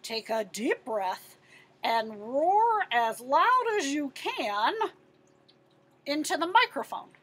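A woman's voice: high voice, very animated, slow, fairly bright tone, full character voice. A woman voicing a stern, curt adult male lion teacher in a picture book. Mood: instructing.

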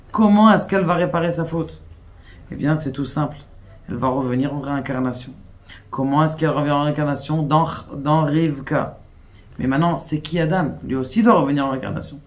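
A man giving a Torah lesson as a rabbi, telling the story with rhetorical questions and acting out pleas. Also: a little high. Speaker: rabbi teaching Kabbalah.

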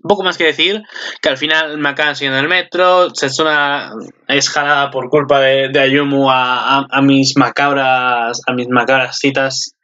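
A man's voice: mid-range voice, little pitch movement, normal speed, bright, forceful tone, dull audio. A man hosting his own channel, rambling through casual commentary with crude jokes and lots of fillers. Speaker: channel host. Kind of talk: casual commentary on an anime preview.

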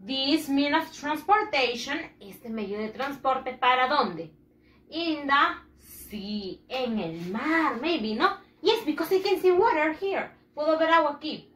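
A woman teacher speaks slowly and patiently to small children, her high voice swooping up and down. She says every phrase twice, once in English and once in Spanish, and has the class repeat after her. The room around her sounds echoey. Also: expressive, fairly bright tone. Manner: leads call-and-repeat drills. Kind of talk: bilingual children's English lesson.

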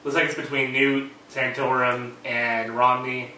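A man co-hosting a casual political talk show, calm and a bit hesitant. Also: medium pitch, measured pace. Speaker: co-host. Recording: echoey room, distant mic, faint noise.

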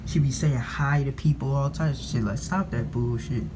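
A man's voice: mid-range voice, moderate pace, background noise. A young man from the United States, talking bluntly and with lots of profanity as he films a thunderstorm from his window. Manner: blunt and profane, scolding then muttering. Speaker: vlogger. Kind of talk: casual vlog commentary. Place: indoors at a window during a storm.

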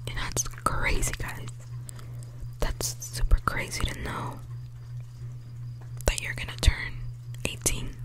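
A teenage young woman whispering a casual, rambling ASMR talk in a breathy, unvoiced whisper, very close to a desktop microphone. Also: takes it slowly, long pauses. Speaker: ASMR creator. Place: small bedroom, indoors. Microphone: desktop condenser mic, very close.

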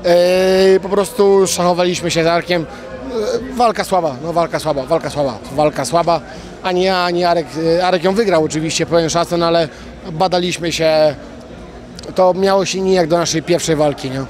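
Young man, fighter, halting speech, fillers and restarts, slightly high voice, handheld mic outdoors. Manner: halting, many fillers and restarts, blunt slang. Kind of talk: post-fight interview. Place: outdoors at an event press wall. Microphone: handheld reporter mic.

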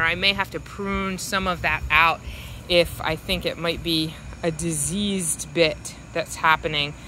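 Bright-voiced woman touring her garden. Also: lowish voice, a little hiss or hum, poor audio. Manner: unhurried, explanatory, fond of her plants. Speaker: home gardener giving a garden tour. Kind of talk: casual walking garden tour. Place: outdoors in a suburban yard garden. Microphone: handheld phone camera, speaker behind it.

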